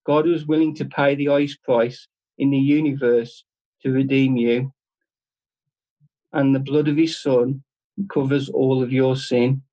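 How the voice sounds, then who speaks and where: A man giving an informal devotional talk at a church service, speaking earnestly and conversationally with halting restarts. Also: medium pitch, fairly even intonation, dark tone, low-quality recording.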